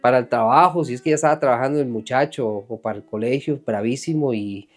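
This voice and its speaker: A man preaching an earnest, animated sermon who acts out the voices of people he quotes. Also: medium pitch, fast, faint music behind. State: sweating from emotion.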